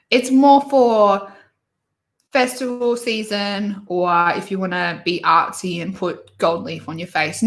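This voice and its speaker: A woman's voice: medium pitch, roomy sound. A woman hosting a casual beauty chat, opinionated and rambling, with lots of fillers and restarts. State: hiccups and sneezy. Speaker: beauty YouTuber host. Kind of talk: casual livestream chat reviewing releases.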